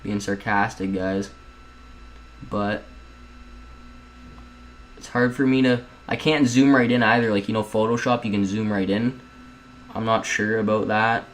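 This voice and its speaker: A man's voice: fairly low pitch, steady tone, unhurried, long pauses, slight background noise, rough recording. A young man at home casually talking viewers through a video editing tutorial, rambling and chatty, often calling them guys. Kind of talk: casual screen-recorded tutorial.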